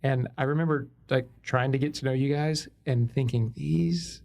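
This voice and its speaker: A man's voice: mid-range voice, fairly even intonation, brisk, a little mellow. A man co-hosting a podcast in casual chat, joking and self-deprecating, often restarting his sentences. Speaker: podcast co-host.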